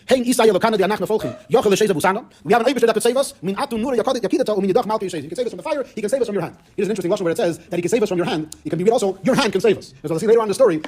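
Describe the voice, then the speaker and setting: Male rabbi, Torah class lecturer: very fast delivery, raised pitch, acts out the story's dialogue. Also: darkish tone, husky. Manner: retells the story briskly, acting out dialogue; mixes Hebrew and Yiddish terms into his teaching.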